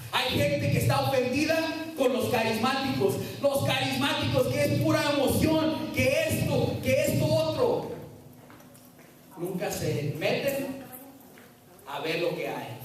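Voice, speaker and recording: A man preaches at a retreat, acting out quotes with dramatic shifts. His voice sits very high. He is recorded from a distance in a hall with heavy echo. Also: slight background noise. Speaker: retreat speaker. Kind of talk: sermon. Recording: echoey hall, distant from the mic.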